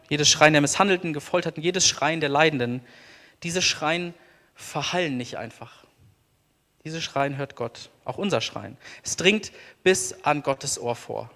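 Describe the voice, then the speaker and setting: A man preaching a sermon as pastor, earnest, slowing down to stress key words. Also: on the high side, fairly bright tone. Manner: earnest, slows down for emphasis. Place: church. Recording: long church reverb.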